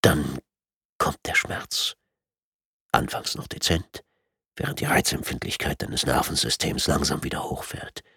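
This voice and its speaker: A man with a raspy, creaky voice voicing a calm, sadistic torturer who speaks in a soft, menacing whisper. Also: a bass voice, measured pace, no room sound, clean studio sound, voice pushed down, full character voice. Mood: quiet menace. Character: calm sadistic male torturer posing as surgeon.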